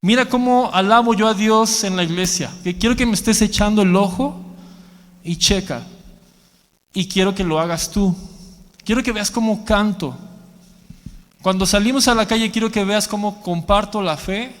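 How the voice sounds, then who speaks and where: A man preaching a sermon as a pastor, animated, leading the congregation in repeating a verse. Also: high-pitched, normal speed. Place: church hall. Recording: long church hall reverb.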